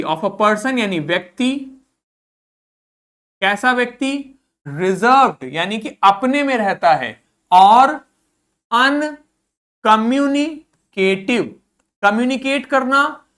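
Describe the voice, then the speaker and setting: Drilling English vocabulary, a woman with an Indian accent repeats every word for pronunciation practice, speaking in a mid-range, slightly bright voice. She asks her students questions and supplies the answers herself.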